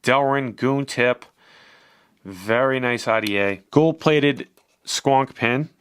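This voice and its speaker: A man's voice: mid-range voice, slow, fairly bright tone, clean tone. A man giving a casual, chatty product review as he unboxes and shows a device, swearing now and then.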